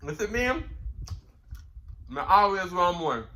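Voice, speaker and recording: High-pitched Jamaican man talking while eating fried chicken. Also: animated, takes it slowly, bright, forceful tone. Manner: eating crunchy fried chicken between phrases, with murmured mms; emphatic, repeating phrases, preacherly encouragement. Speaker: mukbang vlogger. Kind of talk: casual motivational talk to viewers.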